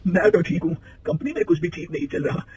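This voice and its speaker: A man's voice: a little high, sing-song, quick pace, far from the mic, background noise. A man voicing a kindly old clerk in a cartoon story, speaking in a fatherly, confiding way. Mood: concerned. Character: old male company clerk, kindly and worried.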